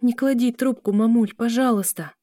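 A woman's voice: on the high side, fairly even intonation, moderate pace, warm tone, no room sound, clean studio sound, voice pushed up, natural voice. A woman voicing a frightened, tearful young woman, pleading in a shaky voice.

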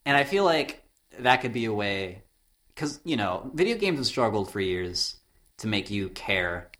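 Man, casual comedic chat, animated intonation, rambling, frequent laughter. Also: on the low side, a little slow. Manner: rambling, laughing often, swearing.

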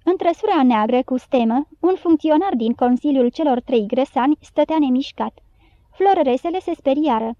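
A woman narrating an audiobook of a children's novel in a steady storytelling manner. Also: high voice, no echo, muffled recording. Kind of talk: scripted narration.

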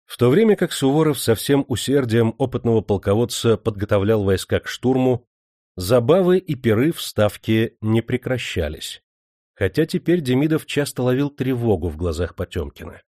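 A man reads a historical novel aloud for an audiobook, telling the story in a steady, measured way. His voice sits at a medium pitch, and the recording is clean studio audio with no room sound.

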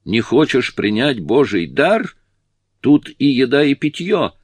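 A man voicing a starving, desperate woman who speaks hoarsely and wildly, in an audiobook. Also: medium pitch, big pitch swings, measured pace, no echo, pitched above the performer's own voice, heavily acted. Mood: fierce. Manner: wild, urgent pleading.

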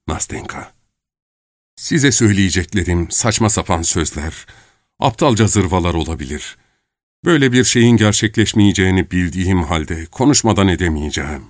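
A man's voice: sits low, no echo, studio quality. A man reading a novel aloud, giving heartfelt, earnest lines to a lovesick young man. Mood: impassioned.

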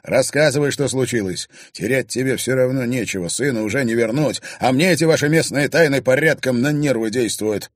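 A man voices a blunt, insistent young man who keeps pressing for answers. His mid-range delivery is a little fast with hardly any pauses, pitched slightly above his own voice yet close to an everyday tone. The recording is clean studio sound with no room noise.

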